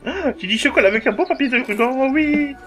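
A man's voice: very high voice, expressive, brisk, fairly bright tone, husky, soft background music. Jokey, crude let's-play guy. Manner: jokey, crude, swears often, hums and sings along. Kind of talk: casual gaming commentary.

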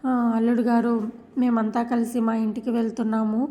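A woman's voice: on the high side, little pitch movement, brisk, warm tone, long reverb tail, close to an everyday voice. A woman voicing an older grandmother chatting on the phone. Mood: fussy.

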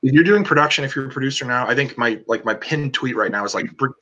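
Cinematographer guy on a video call, bright tense voice, lots of likes and ums. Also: medium pitch, fast talker, highs cut off, slight background noise. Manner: rambling, many "like" and "um" fillers. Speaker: cinematographer guest. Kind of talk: casual video-call chat.

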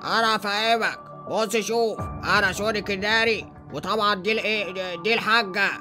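A man's voice: sits high, fairly even intonation, brisk, music in the background, natural voice. A man playing a bossy, threatening fire Sonic father with an Egyptian accent. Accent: Egyptian Arabic. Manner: bossy, blustering, bright-toned.

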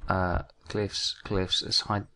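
A young man chats his way through a survival game, joking with viewers as he goes. His voice sits low with a gravelly, crackly edge, yet it stays bright and forceful. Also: flat delivery, takes it slowly. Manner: chatty, jokey, talks to viewers while playing. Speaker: gaming let's-play host. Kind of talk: casual gameplay commentary.

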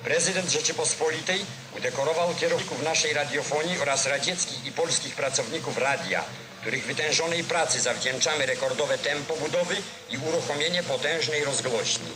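A fairly high-voiced man, speaking a little fast, narrates a 1940s newsreel with formal, solemn, declamatory gravity. Music runs beneath him on the vintage soundtrack.

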